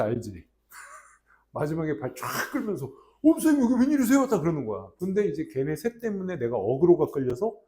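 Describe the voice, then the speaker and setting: A man in his forties, a private academy English teacher, casually telling a story to his class in a classroom and acting out the voices of kids. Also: mid-range voice. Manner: animated, acts out kids' voices.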